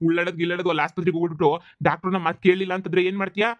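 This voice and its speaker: A man's voice: high voice, level tone, very fast, dry recording, lightly acted. A man voicing a doubtful, exasperated young man in a cartoon comedy, arguing back. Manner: skeptical, argues back. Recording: slightly dull lo-fi sound.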